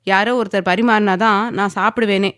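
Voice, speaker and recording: A woman's voice: medium pitch, fairly even intonation, fairly quick, fairly bright tone, no room sound, studio quality, natural voice. A woman voicing a domineering, possessive young man who speaks firmly and commandingly, sometimes teasing.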